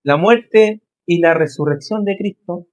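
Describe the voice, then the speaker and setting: A male pastor preaching a sermon, rising into emphatic questions and slowing to stress key phrases. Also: high-pitched, a little mellow.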